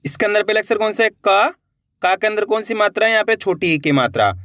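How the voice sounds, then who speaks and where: A man's voice: high voice, animated, fast, a bit bright, dry recording, clean studio sound. A man teaching a reading lesson, spelling each word out syllable by syllable and then joining the sounds into the whole word. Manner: spells words out one syllable at a time, then blends them.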